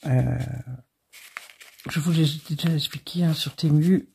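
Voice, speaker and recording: A woman hosting a crafting channel, showing off her craft supplies in a chatty, halting way with many fillers, and often giggling and teasing herself. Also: low-pitched, vocal fry, warm tone, slight background noise. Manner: giggly, self-mocking. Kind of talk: casual show-and-tell of craft supplies.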